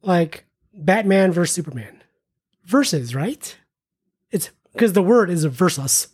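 Husky-voiced man chatting on a podcast. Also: sits high, animated, a little slow, a little mellow. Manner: rambling, hesitant, laid-back. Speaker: podcast co-host. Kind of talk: casual chat.

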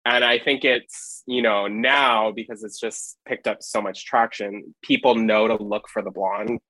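A young man from Hawaii, a photographer guest, speaking in a relaxed, rambling way full of fillers. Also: fairly low pitch, a little slow, no echo, rough recording. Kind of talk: casual podcast interview.

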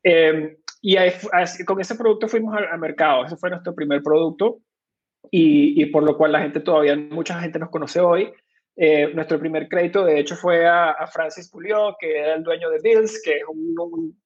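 A Venezuelan man with a Venezuelan Spanish accent, cofounder of a crypto company, explains things at length in conversational interview answers, using lots of fillers and restarts. His fairly high, slightly rough voice is steady in tone and fairly quick, with the highs cut off in the audio.

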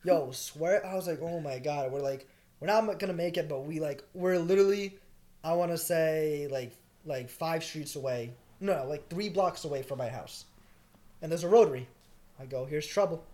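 Young man, podcast co-host, casual storytelling, profane and animated, fairly high voice. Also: normal speed.

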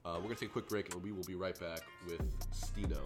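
A man's voice: low voice, steady tone, fast talker, loud music behind the voice. A young man hosting a casual podcast chat, laid-back and slangy, laughing often. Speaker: podcast host.

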